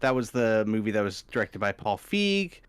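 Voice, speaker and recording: A man's voice: big pitch swings, moderate pace, smooth, dry recording. Rambling movie-fan man, dry sound. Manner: chatty, rambling fan with sudden pitch jumps. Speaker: podcast co-host. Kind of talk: casual movie podcast chat.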